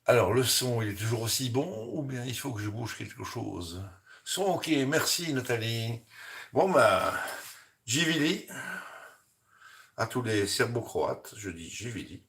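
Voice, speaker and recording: A man's voice: mid-range voice, lively intonation, unhurried, creaky, fairly bright tone. A man hosting a casual home cooking live stream from his kitchen, rambling and chatting with his viewers and his pets. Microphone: camera on a hanging mount.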